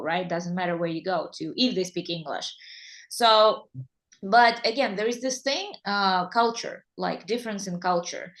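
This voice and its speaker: A woman with a Russian accent, who is an English teacher, hosts a casual interview in English. Her medium-pitched voice is a bit bright, and she's chatty, enthusiastic, and quick to laugh.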